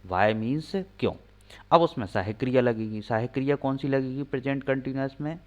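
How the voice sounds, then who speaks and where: A man teaching English grammar, slowly spelling out example sentences word by word and asking questions he answers himself. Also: mid-range voice, darkish tone. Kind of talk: classroom-style explaining lesson. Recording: slightly dull lo-fi recording.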